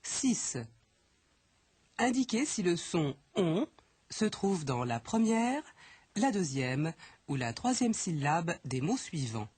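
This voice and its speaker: A woman reading French pronunciation drills slowly, with deliberate, careful enunciation, in a dry studio recording. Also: on the low side, sing-song, a little mellow, husky, no echo. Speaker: language course speaker. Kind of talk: slow, clearly read pronunciation drill.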